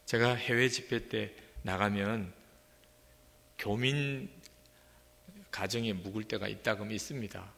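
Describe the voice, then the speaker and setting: A man's voice: lowish voice, unhurried, creaky, long pauses, a bit bright, big-room sound. A middle-aged male pastor preaching a sermon, speaking conversationally and asking his congregation rhetorical questions.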